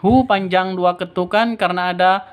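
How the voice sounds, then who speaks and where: A man teaching beginners to read the Quran, chanting verses slowly and then explaining each rule, correcting himself and repeating examples. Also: fairly high pitch, a bit bright. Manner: alternates slow drawn-out chanted recitation with brisk explanations. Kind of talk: step-by-step recitation lesson for beginners.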